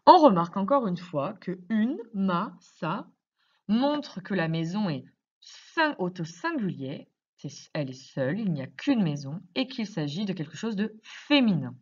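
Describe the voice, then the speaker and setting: A woman teacher explaining grammar to young children in slow, careful speech, asking many questions. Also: mid-range voice, sing-song, darkish tone, husky, highs cut off. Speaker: primary school teacher.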